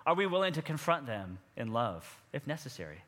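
A man preaching a sermon as pastor of a church, energetic and drawing the congregation into responses. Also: medium pitch, a little fast. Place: church sanctuary. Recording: long hall reverb.

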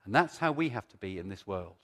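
Animated preacher, very varied pitch. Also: male voice, fast. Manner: conversational, repeats phrases for emphasis, rhetorical questions. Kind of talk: sermon with storytelling and teaching.

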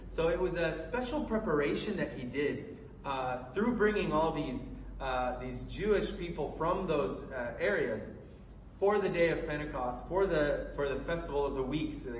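A man's voice: on the high side, far from the mic, slight background noise. Earnest man preaching in an echoey room. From Colorado, USA. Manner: earnest, halting with many fillers and restarts. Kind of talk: sermon. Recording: echoey room from away from the mic.

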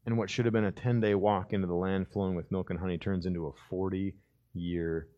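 Fervent male preacher, low voice. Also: level tone, brisk, lo-fi sound. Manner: impassioned, swings from loud fervor to hushed emphasis; acts out voices of biblical figures in his retelling. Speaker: pastor. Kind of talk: sermon.

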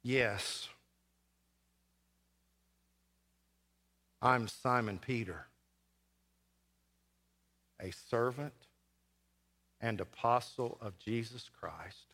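An earnest, humbled apostle, as a man in a sermon puts him on, speaking haltingly and stumbling over repeated words. The voice is bright and forceful, with the reflective weight of a first-person sermon monologue. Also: medium pitch. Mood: solemn.

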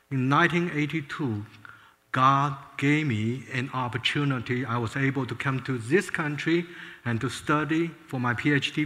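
Man in his 60s from Taiwan, earnest testimony storyteller, bright tone, big reverberant hall. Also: a little high. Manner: earnest storytelling with frequent restarts. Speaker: former space scientist giving a testimony. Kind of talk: personal testimony talk.

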